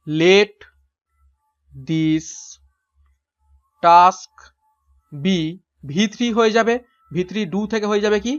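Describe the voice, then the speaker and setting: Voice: mid-range voice, highs cut off. A teacher giving an exam-prep grammar lesson, explaining each step and answering their own questions along the way. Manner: spells words out letter by letter. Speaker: English teacher.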